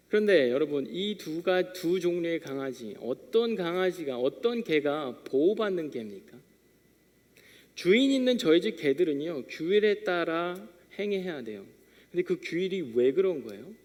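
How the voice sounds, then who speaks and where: High-voiced young man preaching in a reverberant hall. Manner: conversational storytelling preacher, acting out little dialogues. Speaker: youth pastor. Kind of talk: sermon. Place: church sanctuary. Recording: long reverb of a church hall.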